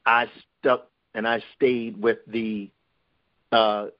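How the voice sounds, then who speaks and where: Over a muffled line, a New York man appearing as a guest in a casual interview talks slowly in a low-leaning, level voice. His speech rambles, with frequent restarts.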